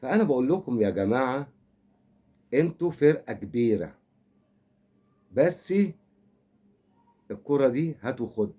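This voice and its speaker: Husky and dark, this older man's mid-range voice is expressive, moving at a moderate pace broken by long pauses. Speaking with an Egyptian accent, he's a football fan commentator delivering a comic, rambling rant full of teasing and mock sympathy.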